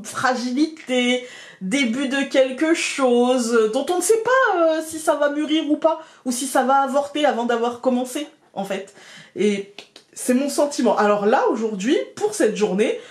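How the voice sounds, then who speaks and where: Woman, Picard accent, tarot reader, hesitant with fillers, echoey room. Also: a little high. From France. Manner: hesitant, many fillers and restarts, addresses viewers directly. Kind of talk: weekly card reading guidance.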